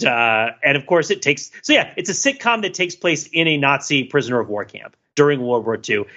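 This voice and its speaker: This podcast co-host has a mid-range voice that comes out pushed and bright as he reasons aloud in a relaxed, analytical conversation, restarting often and using lots of fillers. The sound quality is dull lo-fi.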